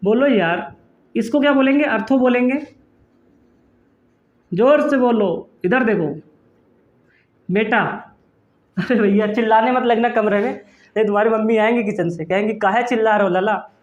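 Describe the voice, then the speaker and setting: A man's voice: high-pitched, moderate pace, pauses often, echoey room, muffled recording. A male chemistry teacher giving an online class, playful and teasing, calling his students "beta" and answering his own questions. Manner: calls students "beta" affectionately.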